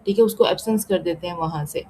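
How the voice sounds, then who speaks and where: Woman tutor with a mellow, soft voice. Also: on the low side, a little hiss or hum, poor audio. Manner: slows right down when reading English text aloud, explains again in Hindi-Urdu; frequent fillers and "theek hai" check-ins. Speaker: tutor explaining an assignment solution. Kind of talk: casual lesson mixing Hindi-Urdu and English.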